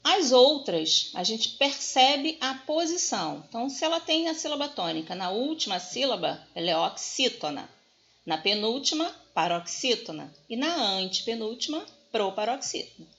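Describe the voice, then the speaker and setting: A woman's voice: a little high, big pitch swings, moderate pace, fairly bright tone, muffled recording. A woman teaching a grammar lesson, speaking directly to her students and stressing each example word.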